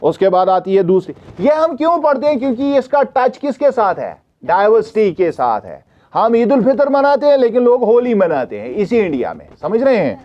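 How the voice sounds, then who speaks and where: A man from Kashmir, teaching a revision lesson, often checking if students follow and reading English questions out slowly. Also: sits high, very animated, muffled recording.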